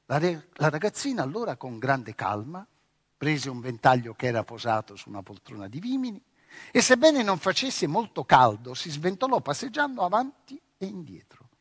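A man narrating a novel in an expressive storytelling manner, close to the mic. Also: on the high side, moderate pace, slightly rough, dry recording. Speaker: audiobook reader. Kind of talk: scripted literary narration.

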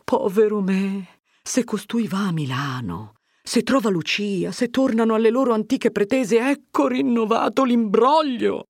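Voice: medium pitch, animated, moderate pace, darkish tone, no echo, studio quality. A reader voicing a fretful, self-pitying old male priest who grumbles about his troubles. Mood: grumbling.

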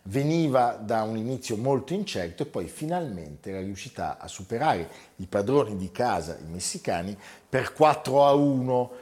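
A man telling football history conversationally on a talk show, emphatic and pausing for effect on key words. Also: mid-range voice, animated, a little mellow.

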